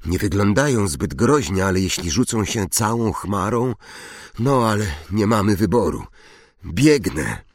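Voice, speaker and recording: A man's voice: lowish voice, very animated, unhurried, no room sound. A man voicing a brave young schoolboy wizard, calling out in strained, breathless bursts. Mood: steady.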